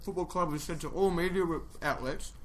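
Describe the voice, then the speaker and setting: A man's voice: fairly high pitch, a little fast, a bit bright. An Australian man co-hosting a casual chat, rambling and opinionated, arguing his point in restarts. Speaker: podcast co-host.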